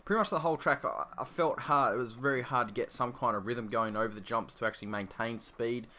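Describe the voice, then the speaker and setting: A man's voice: mid-range voice, fast talker, pushed and bright. A man in his twenties with an Australian accent, chatting loosely about an old game in a rambling, laid-back way, his voice echoing in a nearly empty room at home. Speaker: gaming video creator. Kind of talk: casual gameplay commentary.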